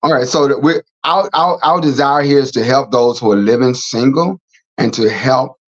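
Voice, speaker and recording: A man's voice: mid-range voice, moderate pace. A middle-aged man hosting a casual faith talk show, rambling and repeating words as he goes. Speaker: host. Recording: slightly dull, lo-fi sound.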